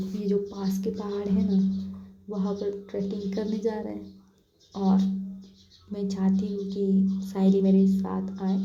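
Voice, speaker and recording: A woman voicing a pushy, playful teenage schoolgirl who coaxes and pleads in a soft tone. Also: mid-range voice, roomy sound, highs cut off, a little hiss or hum, close to an everyday voice. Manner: coaxing, pleading.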